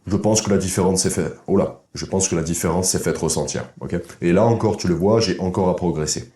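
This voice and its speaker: A man's voice: sits low, a little fast, dark tone. A man coaching viewers in a direct-to-camera vlog, blunt and informal, speaking to the viewer as a buddy and checking in with "ok?". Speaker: masculinity and dating coach. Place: indoor room. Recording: echoey room.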